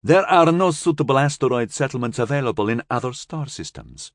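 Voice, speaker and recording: A male narrator voicing a calm, formal and dryly ironic living starship. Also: medium pitch, fairly quick, dry recording, studio quality, voice pushed up, lightly acted. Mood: cool.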